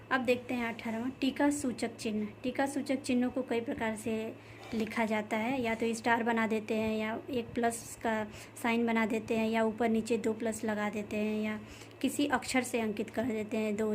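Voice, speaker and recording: Higher-voiced woman teaching grammar. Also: little pitch movement, normal speed, slight background noise. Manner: repeats terms, many fillers. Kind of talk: explaining lesson over slides.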